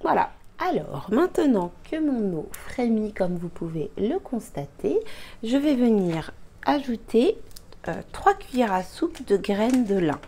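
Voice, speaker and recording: A woman's voice: fairly high pitch, big pitch swings, a little slow, warm tone, a little hiss or hum. A young woman at her home kitchen, talking casually through a recipe, hesitant and full of fillers, apologizing often and a little tired. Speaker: cooking and beauty vlogger.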